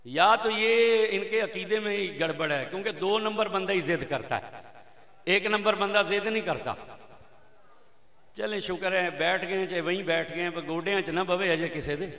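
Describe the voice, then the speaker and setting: A man preaching an emotional religious sermon, chanting refrains and building to impassioned shouting. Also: sits high, moderate pace. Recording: echoey hall reverb.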